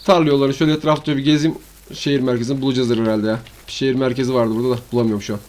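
A man's voice: mid-range voice, steady tone, very fast, darkish tone, slight background noise. A man giving rambling, slangy commentary while showing a farming game map to his viewers. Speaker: gaming channel host. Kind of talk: casual gameplay commentary.

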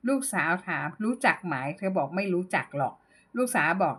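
A woman narrating a ghost story as host, in a measured, unhurried reading. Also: lowish voice, lively intonation, fairly bright tone.

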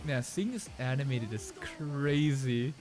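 Excitable young man reacting to anime. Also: slow. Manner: excitable, slangy, swings between loud outbursts and low muttered asides. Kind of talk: casual reaction commentary. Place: small bright indoor room. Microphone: large studio mic on a boom arm.

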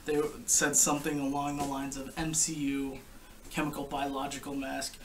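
Gravelly young man, recorded from a distance. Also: mid-range voice, monotone, fairly bright tone. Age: young adult. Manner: informal, explanatory, halting. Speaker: gas mask collector and reviewer. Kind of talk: casual product review to camera. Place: living room couch, indoors. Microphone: camera a short distance away. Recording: distant camera mic with background noise.

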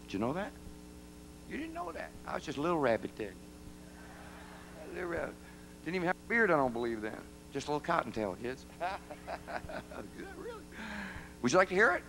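A man's voice: a little high, very animated, racing, pushed and bright, rough recording. A man, a singer-songwriter, trading folksy, teasing banter with a live audience. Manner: folksy, teasing, talks to the crowd and kids. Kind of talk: joking stage banter with the audience. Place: live concert venue.

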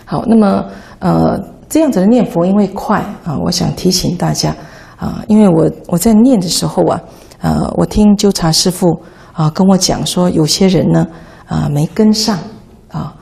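Gravelly-voiced nun teaching chant. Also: female voice, fairly low pitch, normal speed, dark tone. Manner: patient, instructive, demonstrating chant rhythm. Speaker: Buddhist nun giving a dharma talk. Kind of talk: Buddhist dharma talk.

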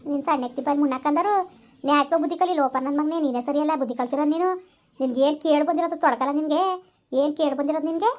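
A fiery village wife argues back and hurls curses at her husband, played by a woman. Her voice is high and shrill, and her words come out at a furious pace. It is a rural comedy sketch. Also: rapid-fire, darkish tone, close to an everyday voice. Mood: cursing. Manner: argumentative, shrill, cursing. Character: fiery village wife, quick-tongued and cursing.

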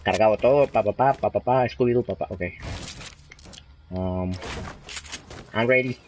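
A man's voice: lowish voice, moderate pace, mellow, slight background noise. A young man from Honduras streaming a game live, chatting with viewers and tossing in English phrases. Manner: chatty, reads chat aloud, slangy, mixes in English phrases. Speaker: livestreaming gamer. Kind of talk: casual live gameplay commentary.

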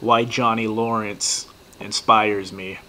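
A man in his thirties talking casually and profanely in a rambling, excitable way while reacting to a TV show at his computer. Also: on the low side, slow. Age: 30s. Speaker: vlogger reacting to a TV series.

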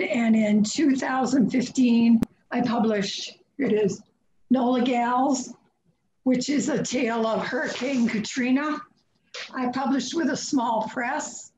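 A woman's voice: on the high side, a little mellow, reverberant, slight background noise, poor audio. An older retired woman, program chair of the event, introducing herself in a friendly, conversational way over a video call.

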